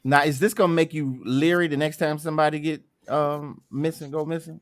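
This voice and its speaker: A man's voice: on the high side, level tone, a little fast, no room sound, clean studio sound. A man hosting a podcast in casual chat, telling stories with a laid-back, joking manner. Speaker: podcast host.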